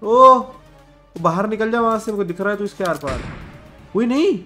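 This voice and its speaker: A young man gives casual commentary over a mobile shooter, sick with a cold and fever. His fairly high voice swings widely in pitch as he grumbles and scolds the enemy. Game music and gunfire play behind him. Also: moderate pace. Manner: excitable, scolds the enemy player. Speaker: gaming streamer.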